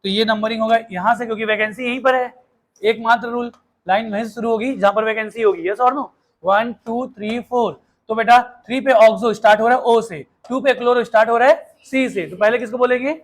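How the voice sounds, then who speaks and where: A man teaching a chemistry class, briskly quizzing students and urging them to hurry, mixing Hindi with English terms. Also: very high-pitched, fairly even intonation. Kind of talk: classroom lecture.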